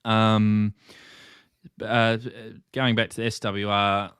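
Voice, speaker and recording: A man's voice: lowish voice, flat delivery, slow pace, a bit bright, smooth, no echo. A man co-hosting a ham radio livestream, chatting casually, chuckling often and reading viewer comments aloud. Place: home room at night.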